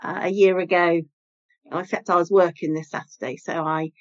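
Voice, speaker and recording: A woman's voice: on the low side, steady tone, normal speed. A woman chatting casually and hesitantly as a podcast guest, in a giggly conversational style. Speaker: podcast guest, priest in training. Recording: slightly dull, lo-fi sound.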